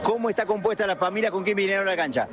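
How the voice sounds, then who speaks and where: A man's voice: sits high, expressive, racing, a crowd in the background. A man with an Argentine accent interviewing fans outdoors at a stadium, asking playful, teasing questions. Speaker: field reporter interviewing fans. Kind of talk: casual live interview. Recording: noisy outdoor live feed.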